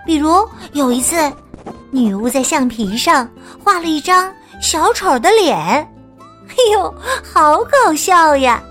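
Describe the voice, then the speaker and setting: 一位女士给孩子讲睡前绘本故事，语调温柔，像唱歌一样拖长。. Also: female voice, sits high, lively intonation, soft background music. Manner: gentle, sing-song, drawn-out storytelling. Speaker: children's storyteller. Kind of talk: bedtime picture-book narration.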